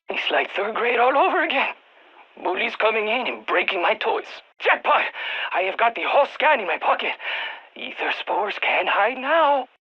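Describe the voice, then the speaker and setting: Gleeful this time, the nervous, excitable nerdy scientist from the game radios in with a mid-range, breathy-edged voice, the audio sounding dull. The actor plays this field researcher expressively, stumbling over and repeating words.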